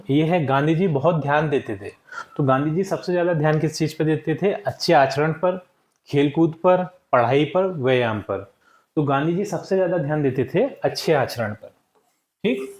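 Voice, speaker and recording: A male teacher walking young pupils through textbook answers, saying each word slowly for them to repeat and often checking in with "ठीक है". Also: a little high, roomy sound. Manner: slow and deliberate, checks in with frequent "ठीक है". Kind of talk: classroom lesson walkthrough.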